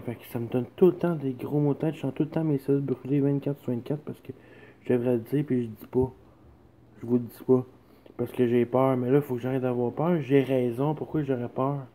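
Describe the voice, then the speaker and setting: Quebec guy pleading, rambling and insistent, very dark mellow voice, keeps asking if you get it. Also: medium pitch. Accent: Quebec French. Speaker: son speaking to his mother. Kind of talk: emotional personal plea.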